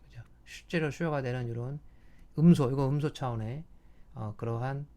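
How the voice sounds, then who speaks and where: A man's voice: mid-range voice, normal speed, dark tone. A middle-aged man giving a recorded linguistics lecture, explaining step by step and often checking with students. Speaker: English linguistics professor.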